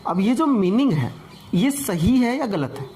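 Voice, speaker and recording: A man's voice: sits high, big pitch swings, measured pace, dark tone, a little hiss or hum. A man teaching an English grammar class, explaining patiently and repeating points, often asking rhetorical questions.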